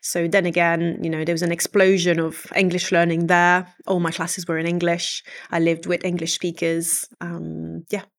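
Low-pitched woman. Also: level tone. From Quebec, Canada. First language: French. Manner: thoughtful, measured storytelling with frequent hesitations. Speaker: psychology lecturer and podcast co-host. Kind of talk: podcast conversation.

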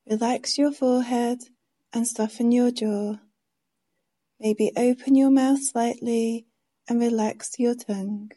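A woman guides a meditation in a soft, hushed and soothing voice. Her tone is very mellow and rounded, sitting a little high. She gives each gentle instruction slowly, leaving room between phrases. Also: fairly even intonation. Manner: slow, gentle instructions with pauses.

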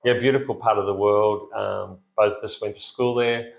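His voice is fairly low and creaky, with fairly even intonation and normal speed. The speaker is a middle-aged pastor from the Blue Mountains of New South Wales, Australia, giving a relaxed interview marked by fillers, restarts, hesitation, and easy laughter, in a dull, echoey lo-fi room.

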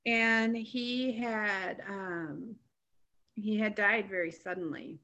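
A woman's voice: medium pitch, slow, pushed and bright. A woman receiving a psychic reading over a call, speaking hesitantly and carefully. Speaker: client at a reading. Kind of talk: casual conversation.

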